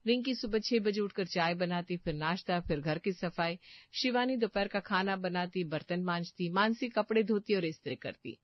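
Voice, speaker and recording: A woman narrating a scripted family story in a steady, plain way. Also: lowish voice, moderate pace, highs cut off.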